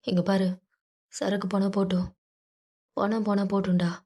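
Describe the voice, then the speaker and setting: A steady male friend speaks firmly, consoling his partner, voiced by a woman reading a story. The delivery is flat and even, with a mellow tone. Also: medium pitch, normal speed, natural voice. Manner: firm, consoling. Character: grown man, a firm and steady friend.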